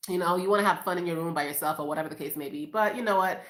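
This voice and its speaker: Talking rapid-fire in a fairly low, slightly bright voice, a Boston mother of five live streams from her room at home. She is casual and upbeat, laughing often and calling viewers "you guys," and the room is echoey.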